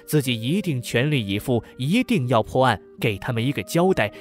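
A man voicing a newly appointed police chief who speaks calmly and resolutely to a grieving family. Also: mid-range voice, normal speed, soft background music, close to an everyday voice. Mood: reassuring.

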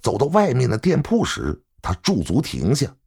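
A man narrating a novel in a measured storytelling manner. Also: medium pitch, wildly swooping pitch, gravelly, a little mellow, breathy edge. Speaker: audiobook narrator.

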